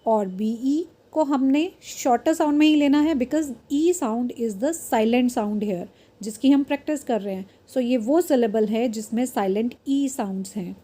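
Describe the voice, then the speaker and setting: A woman teaching a phonics lesson, pronouncing each word slowly and carefully. Her voice sits a little high but has a soft, mellow tone. She moves between Hindi and English as she explains to her students. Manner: slow, deliberate word-by-word pronunciation drills.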